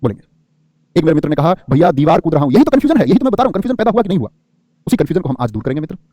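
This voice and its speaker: A man's voice: high voice, sing-song, very fast, dark tone, no echo, highs cut off. A man teaching grammar in a classroom lecture, firing rhetorical questions and playing the students' answers himself, often calling his listeners friend.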